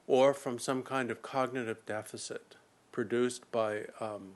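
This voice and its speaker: A man interpreting a dharma teaching, speaking at a middle pitch in an unhurried, explanatory way. He lays out each point carefully and pauses now and then to find the right words. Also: steady tone. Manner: measured, explanatory, with occasional pauses.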